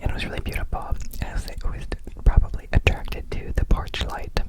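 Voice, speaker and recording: A man speaks entirely in a soft ASMR whisper, with no voiced tone at all. He rambles as the host, lingering on words and repeating them, close up at the microphone as if from ear to ear. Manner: repeats words and phrases slowly.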